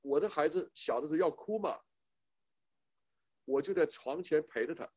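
A man's voice: a little high, moderate pace, a little mellow. A middle-aged man giving a sermon on parenting as a church speaker, emphatic and fond of rhetorical questions to his listeners.

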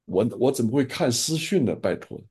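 A man's voice: medium pitch, expressive, normal speed, darkish tone, husky. An older man, a pastor, sharing earnest fatherly advice in an online group gathering.

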